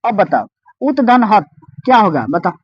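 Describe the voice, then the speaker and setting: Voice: mid-range voice, very animated, husky, no echo. A teacher with a Bihari accent giving a step-by-step grammar lesson, repeatedly checking that students follow. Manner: repetitive, keeps asking students whether they follow; explains step by step, patient and drawn-out. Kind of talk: recorded Hindi grammar lesson. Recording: dull, dry lo-fi recording.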